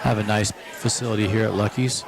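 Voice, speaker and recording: A man commenting live on a pool match in a relaxed, explanatory way, recorded in a pool hall right next to the table. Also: fairly low pitch, a little fast, creaky, a crowd in the background. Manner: relaxed, explanatory, repeats phrases.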